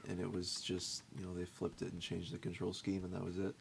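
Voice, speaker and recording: A man's voice: deep voice, monotone, a little fast, gravelly, slight background noise. A young man co-hosting a game stream, answering in a casual, hesitant way and trailing off. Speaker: co-host. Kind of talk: casual gaming chat.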